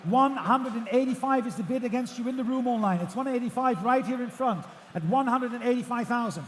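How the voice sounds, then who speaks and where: A man working as an auctioneer, calling bids in rhythmic, repetitive number patter, projecting loudly to a room. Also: very high voice, a little fast. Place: large auction room with bidders. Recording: echoey auction hall, faint background noise.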